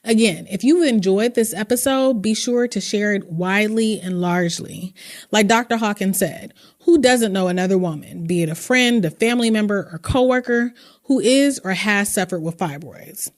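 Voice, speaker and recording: A woman's voice: medium pitch, moderate pace. A woman hosting a podcast, emotional and heartfelt as she thanks her guest and closes the episode. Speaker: podcast host. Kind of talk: podcast interview and outro.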